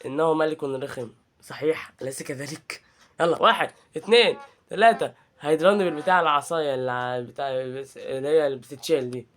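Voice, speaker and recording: High-voiced Egyptian man teasing through gameplay. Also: fast talker, fairly bright tone. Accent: Egyptian Arabic. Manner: playful, teasing, trash-talking the game. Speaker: gaming channel host. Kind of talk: gameplay commentary.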